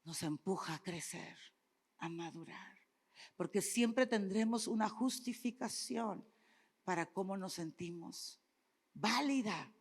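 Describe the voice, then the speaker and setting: A woman's voice: mid-range voice, slow, long reverb tail. A woman pastor preaching a sermon, moving between fervent declarations and humorous everyday stories. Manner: expressive preaching with humorous asides and quoted prayers.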